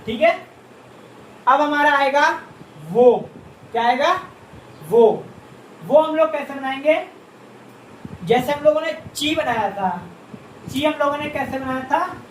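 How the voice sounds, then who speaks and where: A man with a very high, expressive voice teaches a beginners' Japanese script lesson, slowly and patiently posing questions he answers himself and repeating each sound. The room is echoey, the mic distant, with faint ambience and slight background noise.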